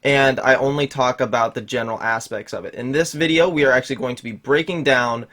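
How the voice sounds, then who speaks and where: A man's voice: mid-range voice, a little fast, fairly bright tone. A young man hosting his own gaming channel, reviewing a game's story in a casual, rambling way, with lots of "like"s and restarts. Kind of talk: casual video game review.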